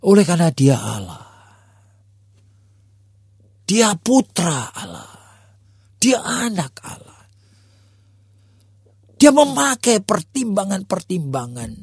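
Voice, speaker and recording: A man's voice: high voice, huge pitch swings, slow pace, gravelly, pauses often, breathy edge, no room sound, studio quality. A male pastor preaching a sermon, dramatic, dropping at times to a whisper and calling listeners brothers and sisters. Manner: dramatic, swings between loud and whispered.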